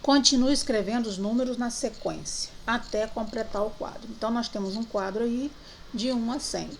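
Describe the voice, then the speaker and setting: A woman teacher from Brazil, guiding young children through worksheets in a remote lesson, slowly drawing out syllables and words. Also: fairly high pitch, vocal fry, a little hiss or hum. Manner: slow, drawn-out syllables for children.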